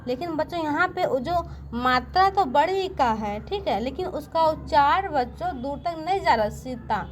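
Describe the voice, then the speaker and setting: A woman's voice: sits high, slight background noise. A woman teaching a patient classroom-style lesson, speaking to the listeners as children and often asking checking questions.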